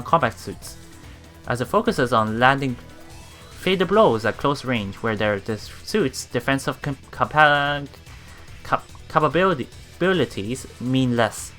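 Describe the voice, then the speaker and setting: A man with a sharp-toned, mid-range voice reads visual novel text for a let's play while game music plays behind him. He halts and stumbles over words, repeating them, and injects his own reactions.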